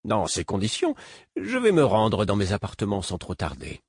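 A man voicing an older male courtier who speaks calmly, with mild and faintly mocking courtesy. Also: lowish voice, moderate pace, slightly rough, dry recording, studio quality, heavily acted. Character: older male courtier, calm, wry and gentle.

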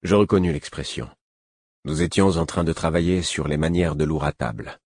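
A man reading a first-person novel as an audiobook narrator, in a measured, even storytelling manner. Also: very deep voice, no room sound, clean studio sound.

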